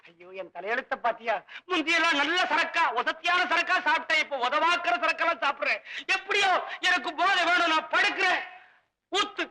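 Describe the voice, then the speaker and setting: A man's voice: extremely high pitch, a little fast, bright, forceful tone, full character voice, poor audio. A man playing a boozy, whiny drunken estate servant in a film comedy, slurring, wailing and breaking into song. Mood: grumbling.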